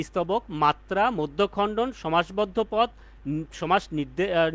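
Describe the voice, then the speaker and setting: A man giving a methodical class lecture, going over each point slowly and repeating it for emphasis. His voice sits high and swings widely in pitch. The sound is close and dry, with no room echo. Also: fairly bright tone. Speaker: poetry instructor.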